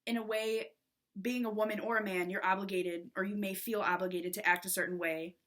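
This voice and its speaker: A college woman in her twenties from Illinois speaks in a bright, crisp voice. She tells her own experiences candidly and plainly in an interview. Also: medium pitch, fairly even intonation, a little fast. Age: 20s. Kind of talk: personal testimony.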